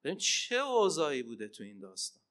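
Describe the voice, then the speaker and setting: A man preaching a religious sermon and telling stories, swinging between loud emphatic cries and hushed asides. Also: medium pitch, wildly swooping pitch. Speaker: preacher and Arabic teacher.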